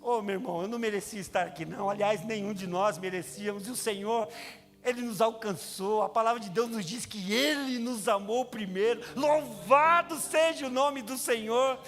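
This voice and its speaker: A man's voice: normal speed, fairly bright tone. A man with a Brazilian accent, a pastor and prison chaplain, telling a testimony in a sermon and acting out the voices of the people in his story. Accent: Brazilian Portuguese. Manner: storytelling, acts out quoted voices with raised pitch. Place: church sanctuary. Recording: reverberant church hall with music.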